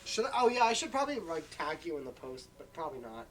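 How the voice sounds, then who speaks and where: A woman co-hosting a comedic fan fiction reading, reacting with loud, profane disbelief. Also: low voice, very animated, fast talker, slight background noise.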